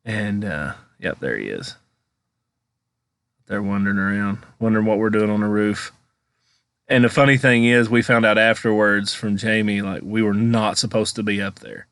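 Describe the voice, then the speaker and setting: A man's voice: on the low side, moderate pace, fairly bright tone, no room sound. An American man giving a casual, chatty voice-over as a vlogger, rambling informally as he comments on exploration footage.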